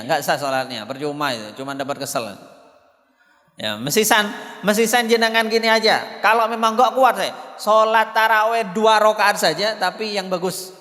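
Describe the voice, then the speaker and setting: A man's voice: high voice, pushed and bright. A man giving a conversational mosque lecture, now and then chanting Quranic phrases to demonstrate recitation. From Indonesia. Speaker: Islamic preacher. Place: mosque hall. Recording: long hall reverb.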